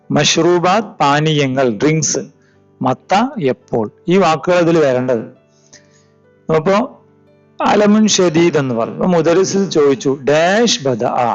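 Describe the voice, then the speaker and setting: A male teacher works through an exam paper, reading slowly and then explaining quickly with questions for pupils. His voice sits at a middle pitch. The recording is a little dull, with faint music underneath. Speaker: Arabic teacher. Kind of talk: exam paper walkthrough lesson. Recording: slightly dull audio with faint background music.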